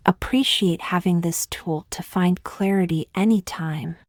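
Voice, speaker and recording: This is a guided meditation led by a woman whose voice sits slightly low. She speaks gently and slowly in measured phrases, pausing at length between instructions, and the close, dry recording has no echo.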